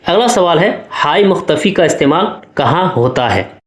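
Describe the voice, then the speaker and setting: A man's voice: fairly high pitch, expressive, normal speed. Man teaching an exam class in an echoey room. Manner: explains step by step, checking in with the class often. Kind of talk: exam-prep lesson.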